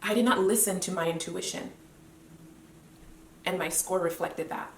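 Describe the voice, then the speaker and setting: A woman in her twenties from Cameroon, a medical student giving a measured, earnest motivational speech with deliberate pauses. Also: fairly low pitch, recorded from a distance, a little hiss or hum. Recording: roomy echo, voice away from the mic.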